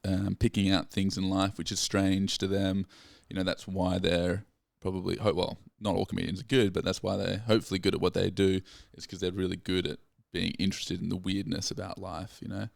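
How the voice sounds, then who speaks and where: A man's voice: sits low, monotone, fairly quick, gravelly, few pauses, dry recording, studio quality. A young man hosting a podcast, talking in a rambling, chatty way and laughing along with his guest. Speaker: podcast host. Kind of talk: casual podcast chat.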